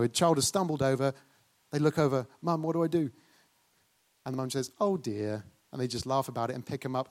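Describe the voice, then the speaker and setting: A man preaching a sermon, questioning and urging the congregation. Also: medium pitch.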